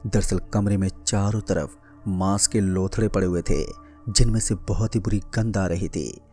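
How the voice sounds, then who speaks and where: A man tells a scripted horror story in a steady, measured voice. His tone is mellow and sits a little low, with faint music playing behind him.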